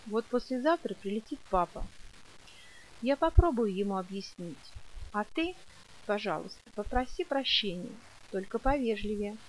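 A woman reading an audiobook and voicing a gentle, worried mother who asks perplexed, pleading questions. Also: medium pitch, animated, moderate pace, a little hiss or hum, close to an everyday voice, low-quality recording. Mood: bewildered. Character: gentle bewildered mother, worried and soft-hearted.

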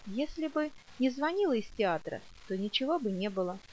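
A woman's voice: on the high side, expressive, a little fast, poor audio. A woman reading an audiobook and voicing a willful, defiant young girl who explains herself with stubborn childish logic.

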